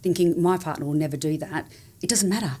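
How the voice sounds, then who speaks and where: A woman's voice: deep voice, quick pace, dark tone. A woman speaking as a podcast guest in a casual conversation, with an earnest, candid and affirming manner. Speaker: podcast guest, family support coach.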